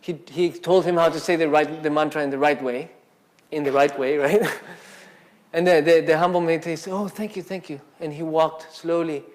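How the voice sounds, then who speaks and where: A man's voice: a little high, steady tone, moderate pace. A man giving a casual, conversational Buddhist talk at a meditation centre, telling a story and acting out the quotes with lots of "you know" and "like". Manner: casual and conversational, filler-heavy, acts out quotes.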